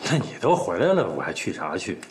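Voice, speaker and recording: An actor with a Northeastern Mandarin accent playing a reluctant, grumbling village husband. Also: male voice, sits low, huge pitch swings, brisk.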